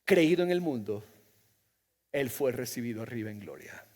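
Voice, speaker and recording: A male pastor preaching a sermon, swinging from loud proclamation to hushed, soft passages. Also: medium pitch, expressive, moderate pace. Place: church sanctuary. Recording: long hall reverb.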